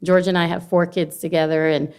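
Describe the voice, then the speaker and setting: A middle-aged woman from Honduras, a guest telling stories in a casual interview, lively and quick to laugh. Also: on the low side, smooth. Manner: lively storyteller, laughs often. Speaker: guest, longshore worker and former teacher.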